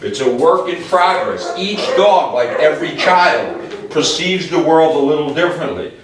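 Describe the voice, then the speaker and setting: A man working as a dog trainer, calmly explaining a hands-on demonstration and giving short commands to dogs. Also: fairly high pitch, moderate pace, crowd noise. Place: room in a house. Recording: echoey room, mic far off, background noise.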